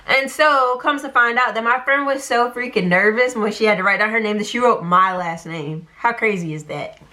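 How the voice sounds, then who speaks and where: A young woman telling a story casually, chatty and animated, full of fillers. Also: fairly high pitch, moderate pace. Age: young adult.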